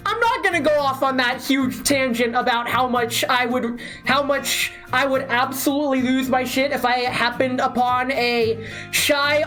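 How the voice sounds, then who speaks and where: A woman's voice: high voice, a bit bright. A young adult woman streamer chatting and joking during a live game reading, rambling and profane.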